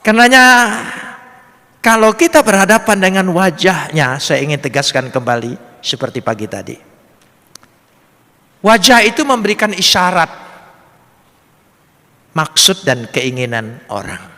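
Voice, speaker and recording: A male pastor delivers a sermon in a fairly high, bright, forceful voice. He builds each phrase to a loud, emphatic peak, then sinks back to a hushed, earnest tone. His voice rings out with a long reverb, as in a large church hall. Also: big pitch swings, unhurried, pauses often. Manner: preaching with swelling emphatic peaks and quiet drops.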